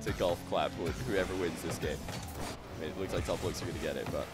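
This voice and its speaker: A man's voice: low voice, steady tone, quick pace, over loud music. A man commentating a live esports match in a joking, playful way, laughing often.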